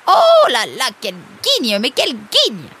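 A woman voicing a fussy, excitable female animal who keeps a mill, exclaiming in a high voice. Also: moderate pace, a little hiss or hum. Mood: excited. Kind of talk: storybook character voice.

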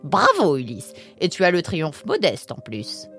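A woman voicing a fussy, excitable female animal who keeps a mill, exclaiming in a high voice. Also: unhurried, soft background music, exaggerated voice. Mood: amazed. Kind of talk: storybook character voice.

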